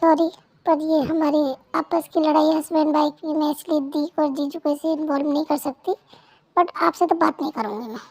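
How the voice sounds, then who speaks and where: A pouty young wife who sulks and whines through her tears, as a woman puts her on for a fan dub. The voice sits very high and sounds dry and close, with no room around it. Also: measured pace, long pauses, no echo, low-quality recording. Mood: sulky. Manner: whiny, sulky and tearful.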